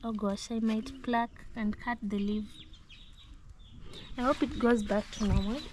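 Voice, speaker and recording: A woman's voice: a little high, fairly even intonation, measured pace, rough recording. A woman chatting casually as she walks through her garden, musing aloud and admiring the plants, recorded outdoors on a phone. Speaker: vlogger. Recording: outdoor noise, birdsong.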